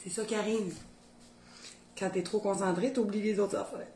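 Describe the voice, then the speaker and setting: A woman's voice: mid-range voice, steady tone, normal speed, very noisy. Chatty Beauce Québécois woman in an echoey kitchen. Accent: Beauce Québécois French. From Beauce, Quebec. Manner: chatty, thinks aloud while working, colloquial Québécois speech. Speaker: cooking video host. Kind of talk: casual cooking demo chat. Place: home kitchen.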